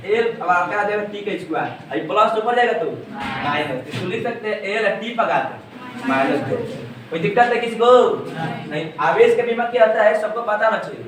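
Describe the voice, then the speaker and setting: A man's voice: high-pitched, animated, a little fast, a crowd in the background. A male physics teacher lecturing a class, asking questions and repeating the answers to drill them in. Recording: echoey room, voice from far off.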